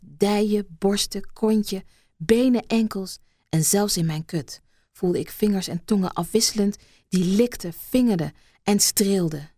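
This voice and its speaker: Woman reading an erotic story, soft and hushy, drifts into whispers, dry close sound. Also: medium pitch, no room sound. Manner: soft, hushed, slipping into whispers. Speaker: narrator.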